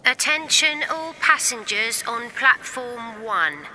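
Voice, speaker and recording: A woman acting as an announcer, making formal announcements over public loudspeakers for a course recording. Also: fairly high pitch, sing-song, slow pace, long reverb tail, a little hiss or hum, full character voice, poor audio. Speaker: station and airport announcer. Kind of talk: scripted course audio.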